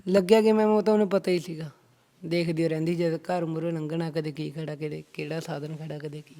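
A young man, a poetry writer, is the guest in a casual interview about his poems. His voice is fairly high and dark in tone, delivered flatly and a little fast. He speaks earnestly and calls the interviewer ma'am in almost every phrase.

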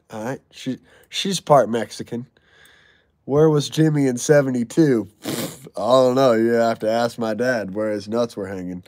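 A man's voice: medium pitch, a little mellow, dry recording, studio quality. A man hosting a casual live stream from a garage, answering viewer messages with loose, profane, joking banter. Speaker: live stream host reading chat.

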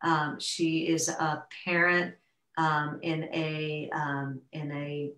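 A woman with a low voice chairs a town board meeting, halting and filling pauses as she goes. Her voice sits in a roomy, echoing space, as heard on a remote video call. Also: little pitch movement, a bit bright. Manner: halting, with many fillers and restarts. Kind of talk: public meeting discussion.

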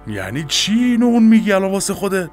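A man's voice: high voice, sing-song, a little mellow, faint music behind. A man dubbing a middle-aged husband with a sore throat, defensive and exasperated under accusation. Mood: indignant. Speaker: husband in family drama. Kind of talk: Persian dub of a TV drama.

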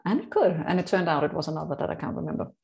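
A woman co-hosts a casual podcast chat with a lower voice and a gravelly, creaky edge. She rambles and laughs at her own slips, stopping often to correct her words. Her talk drifts loosely from one point to the next. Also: sing-song, rapid-fire, darkish tone. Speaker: co-host.

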